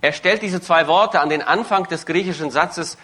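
Bright-voiced male sermon interpreter. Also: on the high side, moderate pace. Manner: follows phrase by phrase, occasional hesitations and self-corrections.

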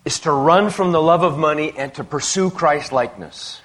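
A man preaching a sermon in short emphatic phrases, pausing after each one for his interpreter. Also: on the high side, a bit bright. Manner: pauses phrase by phrase for translation, emphatic.

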